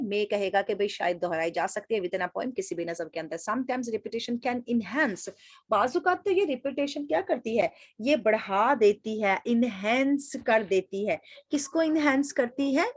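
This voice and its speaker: A woman's voice: fairly high pitch, lively intonation, measured pace, dry recording. A woman teaching literature, explaining terms in a lecture, mixing in English words and asking questions she answers herself. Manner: mixes English terms into explanations, asks the class questions then answers them.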